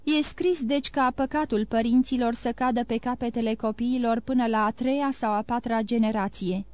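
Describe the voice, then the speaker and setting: A composed, solemn count who speaks with quiet authority, as a woman reads him in a storybook. The tone is fairly high for the part, and the sound is dry. He weighs every word. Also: fairly even intonation, no echo, natural voice. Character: older nobleman count, calm and grave.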